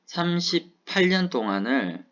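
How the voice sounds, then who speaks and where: A man's voice: on the high side, sing-song, a little slow, fairly bright tone, muffled recording. A man in his forties with a Gyeongsang accent, lecturing and answering his own rhetorical questions. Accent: Gyeongsang Korean. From Gyeongsang region, South Korea. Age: 40s. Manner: asks rhetorical questions and answers them himself.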